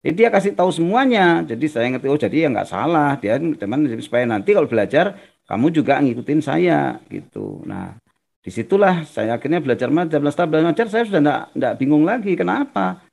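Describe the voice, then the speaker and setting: A man's voice: fairly high pitch, very animated, brisk, vocal fry, a little mellow. A man giving a religious talk over a video call, answering questions in a folksy way with everyday examples. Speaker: religious teacher. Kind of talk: online Q&A sermon.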